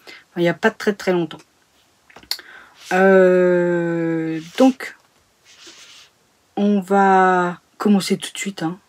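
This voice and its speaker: A woman's voice: lowish voice, little pitch movement, slow pace, long pauses, darkish tone. Chatty woman reviewing sewing books. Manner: chatty, hesitant, many fillers. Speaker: sewing YouTuber. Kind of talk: casual book review vlog. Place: home sewing room.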